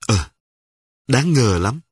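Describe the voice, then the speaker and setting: A man voicing a hot-tempered street thug who shouts accusations. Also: mid-range voice, sing-song, takes it slowly, breathy edge, no echo, studio quality, exaggerated voice. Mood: angry. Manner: angry, shouting.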